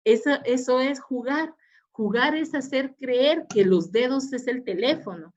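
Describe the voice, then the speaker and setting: A woman's voice: high voice, animated, a little slow, darkish tone, a little hiss or hum. A woman psychologist giving a webinar lecture, explaining patiently with fillers and restarts. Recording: dull lo-fi webinar audio.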